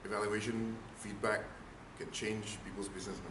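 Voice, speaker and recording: A speaking trainer leads a workshop lecture in a lowish, level voice at a moderate pace. He's emphatic and poses questions to the room, recorded in an echoey space with faint noise.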